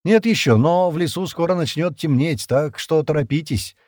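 A man's voice: on the high side, normal speed, a little mellow, no echo, clean studio sound, voice pushed up, close to an everyday voice. A man voicing a grumpy, tough male pilot who speaks curtly and firmly. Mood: wry. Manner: curt, firm, commanding.

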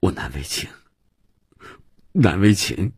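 A man voicing a young boy who shouts and sobs at his drunken father, his voice pushed high and strained. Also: big pitch swings, takes it slowly, breathy edge, dry recording, studio quality, exaggerated voice. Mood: ashamed. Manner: shrill, shouting and tearful.

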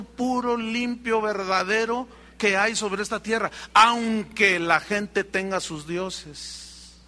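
His voice extremely high, pushed and bright, this middle-aged pastor with a Mexican Spanish accent delivers a sermon. He narrates a story, performs the quoted lines, and speaks straight to the congregation.

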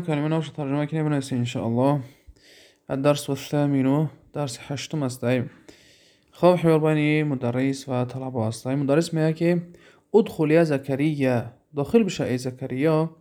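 A man with a Tajik accent teaching grammar in a classroom lesson, reading phrases slowly and then explaining them quickly with questions to his listeners. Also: fairly high pitch, dark tone. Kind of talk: classroom lesson explaining Arabic text in Persian.

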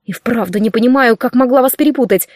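A woman's voice: on the high side, fast, darkish tone, no echo, clean studio sound, natural voice. A woman reading an audiobook, voicing a frightened, furious young bride with a strained, hissing delivery.

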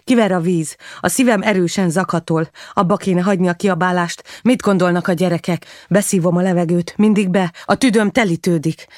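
Woman, audiobook narrator, low gravelly voice, emotional first-person reading, dry close sound. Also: hardly any pauses, no echo. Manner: emotional, rises sharply in the shouting scenes.

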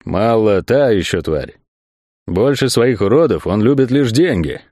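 A man's voice: on the low side, very animated, a little slow, mellow, dry recording, clean studio sound. A man voicing a worried, insistent stage magician eager to move on. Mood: wary. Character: wary, hasty male stage magician.

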